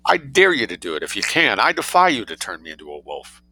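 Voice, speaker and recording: A man as society hostess, storybook, provocative, playful, daring, lively intonation. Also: lowish voice, fast talker, full character voice, low-quality recording. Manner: teasing, challenging.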